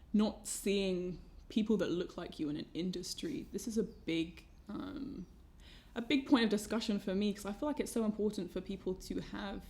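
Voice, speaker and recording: A woman hosting an interview podcast in casual chat, friendly and filling pauses with "um". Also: medium pitch, a little mellow. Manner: friendly, many "um" fillers. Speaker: podcast host.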